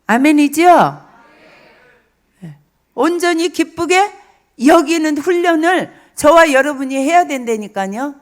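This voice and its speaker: A middle-aged woman preaching a lively sermon, telling stories and acting out quoted speech, repeating phrases for emphasis. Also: high voice, measured pace.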